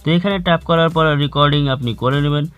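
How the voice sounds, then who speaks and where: Background music plays beneath this tech channel host's fast-talking narration, his fairly high voice clean and fairly bright. He walks viewers through an online video tutorial, instructing them directly as friends.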